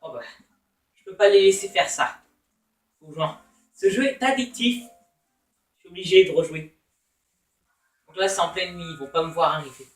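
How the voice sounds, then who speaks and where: A man's voice: sits high, moderate pace, long pauses, echoey room, distant mic, rough recording. A man giving casual, playful let's-play commentary, teasing opponents with taunts and exclamations. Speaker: gamer.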